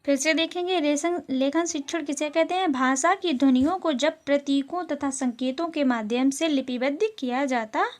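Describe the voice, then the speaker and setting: A woman's voice: high-pitched, moderate pace, few pauses. A woman teaching as she reads out exam questions, then explains the answers and repeats them. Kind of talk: exam-prep lesson.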